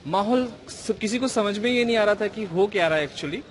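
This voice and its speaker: A man, an air passenger, recalling events in a hesitant, halting way during an on-the-spot news interview. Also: high-pitched, a little hiss or hum. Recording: crowd chatter all around.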